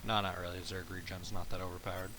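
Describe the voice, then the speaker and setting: A man's voice: deep voice, little pitch movement, fast talker, sharp tone, slight background noise. A tired man giving laid-back, rambling gameplay commentary, swearing casually as he explains his moves. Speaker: game commentator.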